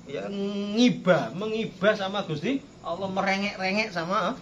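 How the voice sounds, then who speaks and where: A man's voice: sits high, animated, moderate pace, a bit bright. A male preacher giving a playful religious study talk, acting out tearful pleading prayers. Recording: dull lo-fi sound, faint background noise.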